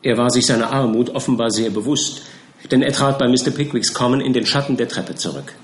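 Man, audiobook narration, measured and theatrical, middle pitch, roomy echo. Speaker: audiobook reader. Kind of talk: scripted narration.

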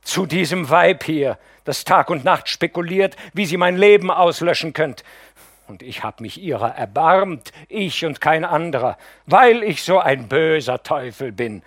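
A man's voice: a little high, expressive, unhurried, no room sound, clean studio sound, voice pushed up. A man reading an audiobook, voicing a deceitful, self-pitying nephew who pleads and wheedles.

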